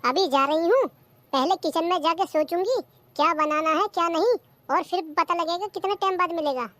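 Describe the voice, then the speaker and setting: A performer voicing a cheeky, lazy young daughter-in-law who talks back, in a cartoon comedy. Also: female voice, very high-pitched, normal speed, background noise. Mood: sassy.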